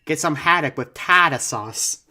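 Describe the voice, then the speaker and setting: A man voicing a brash local man with an exaggerated Boston accent, loud and hammed up. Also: a little high, expressive, moderate pace, voice pushed up. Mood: mock-gruff. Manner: loud, exaggerated gruff greeting.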